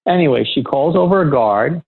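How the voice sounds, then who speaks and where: A middle-aged man, a security professional and interview guest, telling a work anecdote in a lively, conversational way and acting out the dialogue. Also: on the high side, fairly quick, gravelly. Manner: lively storyteller who acts out quoted dialogue. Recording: tinny phone-like line.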